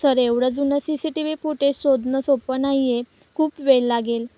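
A woman voicing a panicky male bank manager who pleads, in her own high, dry voice. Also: steady tone, normal speed, warm tone, no echo, natural voice. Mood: explaining. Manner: retold in the narrator's own voice.

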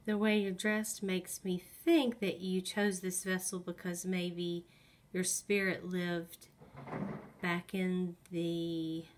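A woman talking to a ghost in a coaxing, soothing way, asking gentle questions in a slightly husky voice that often drops toward a whisper. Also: lowish voice, little pitch movement, takes it slowly, a little hiss or hum. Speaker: paranormal investigator running a spirit session.

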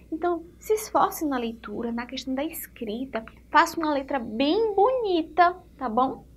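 A woman teaching a literacy lesson to young children, asking questions and answering them herself, stretching words out slowly syllable by syllable. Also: sits high, slight background noise.

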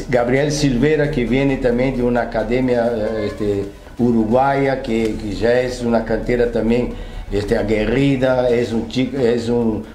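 A man in his sixties with a Brazilian accent speaks in a mellow, darker voice. He talks in a relaxed, unhurried way with frequent fillers. The studio sounds echoey, with faint music underneath. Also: mid-range voice. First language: Portuguese. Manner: relaxed, hesitant with many fillers. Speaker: football academy director. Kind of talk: casual interview answers. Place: television studio.

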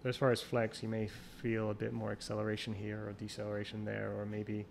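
Speaking briskly in a flat, level tone, a man with a gravelly, fairly low voice guests on a casual interview. The champion water skier circles back and restarts his sentences while thinking aloud, and faint hiss sits under the call recording.

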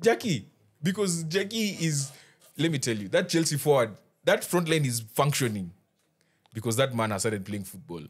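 A man's voice: medium pitch, lively intonation, moderate pace, slightly rough. A young man with a Kenyan accent in a casual, insistent football debate. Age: young adult. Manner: argumentative, insistent. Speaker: football podcast panelist. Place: small indoor podcast studio. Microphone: close podcast microphone with headphones.

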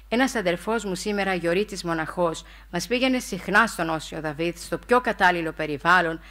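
A woman giving a formal lecture at a church conference, reading in a measured, solemn way. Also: lowish voice, fairly bright tone.

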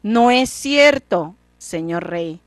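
A woman's voice: medium pitch, animated, slow, dry recording. A Mexican woman voicing a clever, cheeky young peasant man in a folk tale, speaking boldly and teasingly. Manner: bold, teasing and sure of himself.

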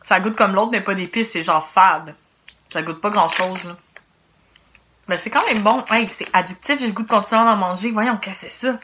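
Québécois woman in her thirties for a quiet home snack vlog, chatty reactions, noisy mic with crinkling packaging. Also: medium pitch, normal speed. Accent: Québécois French. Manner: chatty, reacting aloud while tasting, talking quietly. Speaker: vlogger. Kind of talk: casual snack tasting vlog. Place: home, indoors.

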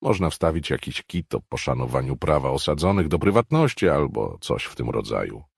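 A blunt police chief in a thriller audiobook who prods others for answers, as a male narrator puts him on. The voice is deep and slightly husky. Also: sing-song, moderate pace, dry recording, clean studio sound, heavily acted. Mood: demanding. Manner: blunt, pushy.

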